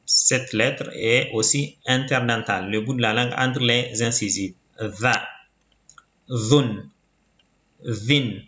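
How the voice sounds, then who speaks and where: A man teaching a reading lesson in a slow, deliberate way, patiently repeating each sound for the learner. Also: mid-range voice, sharp tone. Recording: muffled, roomy recording.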